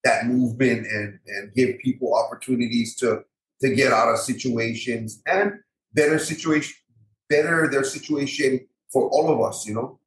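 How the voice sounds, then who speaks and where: A man's voice: mid-range voice, fairly even intonation, moderate pace. A man with a local Hawaiian accent chatting casually as an interview guest, repeating phrases and using colloquial grammar. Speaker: MMA fighter and gym owner, podcast guest. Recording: echoey roomy sound.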